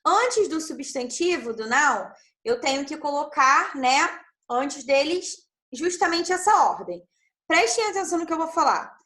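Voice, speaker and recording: A woman's voice: sits high, very animated, a little slow, pushed and bright. A woman teaching an English grammar class online over a video call, explaining step by step and checking in with frequent tag questions.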